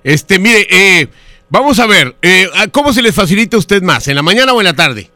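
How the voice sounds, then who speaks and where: A man playing a pompous, rambling hotel-owner engineer in a radio prank call, stalling with fillers and spelling things out slowly. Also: high voice, big pitch swings, pushed and bright, no echo, heavily acted. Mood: fussy. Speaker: prank caller.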